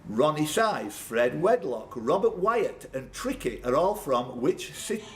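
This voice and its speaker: A man with a fairly high, very animated voice hosts a live pub quiz at an unhurried pace, reading out questions and joking with players by name. The live room's ambience and background noise come through clearly.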